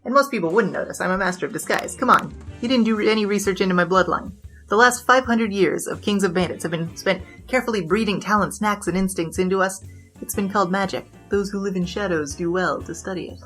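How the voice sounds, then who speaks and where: A woman with a medium-pitched, slightly bright, natural voice speaks quickly, playing a brash young bandit king who boasts and spins wisecracking, slangy tales. It's a 1920s noir comedy audio drama with music playing behind her.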